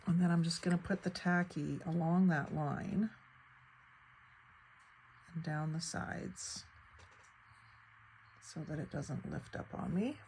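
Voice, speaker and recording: A craft channel host with a low, gravelly, darkish voice narrates a paper craft project, sounding slightly hoarse and crackly as she fights off a cold. She muses aloud while cutting and gluing, unhurried and chatty, in a casual tutorial style. A faint room hum sits beneath her.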